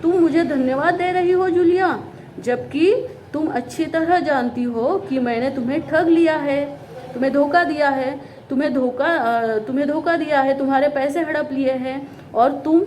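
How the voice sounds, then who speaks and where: A stern, angry male householder who raises his voice until it shakes, as a woman reads him aloud. The voice sits high, with faint noise in the background. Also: fairly even intonation, moderate pace, a little mellow, close to an everyday voice. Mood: angry, shouting. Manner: angry, raised, trembling with rage. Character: stern middle-aged male householder, scolding.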